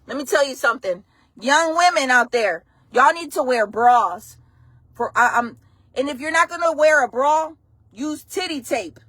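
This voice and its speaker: A frank woman in her forties chats loosely on a livestream, her voice sitting a bit on the high side. She is blunt and playful as she answers her viewers. Her sound is close and dry, with no room around it. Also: expressive, moderate pace, a bit bright, dry recording. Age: 40s. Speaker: livestream host. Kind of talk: casual livestream chat.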